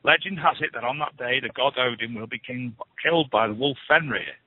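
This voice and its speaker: A man's voice: mid-range voice, brisk, husky, no room sound. A man hosting a radio show, reading paranormal news with chatty, scoffing asides. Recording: phone-like lo-fi radio, dry.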